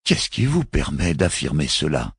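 A man voicing a grave, measured religious leader in an audiobook. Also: rumbling low, wildly swooping pitch, vocal fry, slightly rough, dry recording, studio quality, exaggerated voice. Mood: solemn. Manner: solemn, measured.

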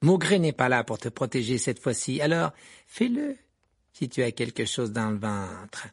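A man voicing a sneering, arrogant teenage boy wizard who taunts in a mocking tone, with a raspy, gravelly voice. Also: medium pitch, sing-song, moderate pace, no room sound, studio quality. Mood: taunting.

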